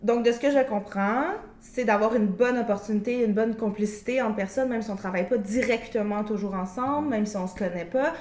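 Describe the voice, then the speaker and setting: A woman talks casually as a podcast guest. Her voice sits at an average pitch, and the room adds clear echo around it. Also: a little fast, hardly any pauses, darkish tone. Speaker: podcast guest, flight attendant. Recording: echoey room sound.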